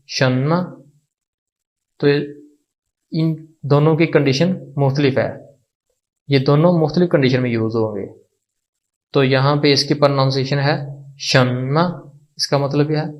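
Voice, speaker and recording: A man's voice: medium pitch, muffled recording. A man teaching a language lesson. He repeats each word several times and asks questions before answering them himself. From Pakistan. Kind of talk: slow, repetitive lesson explanation.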